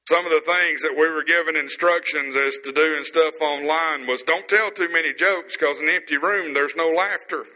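A man preaching a sermon as pastor, stressing words slowly with pauses, in an empty room. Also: on the high side, bright, forceful tone, in a large hall, poor audio.

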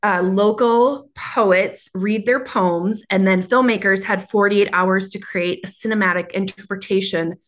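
A woman with a Minnesota accent, a guest in a casual interview, telling her story in an animated way and often laughing. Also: mid-range voice, measured pace, few pauses. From Minnesota, USA. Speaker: podcast guest, creative mentor.

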